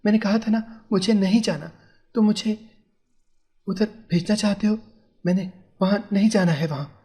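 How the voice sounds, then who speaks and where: A woman's voice: mid-range voice, moderate pace, dark tone, pitched above the performer's own voice, lightly acted. A man voicing a frightened young bride who pleads and refuses through tears in a storybook tale. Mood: tearful pleading. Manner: pleading, tearful, stubborn. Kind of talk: storybook character voice.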